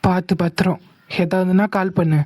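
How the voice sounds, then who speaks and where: A woman voicing a calm, dutiful young husband and son in a cartoon. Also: on the low side, fairly quick, no echo, natural voice. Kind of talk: cartoon voice acting.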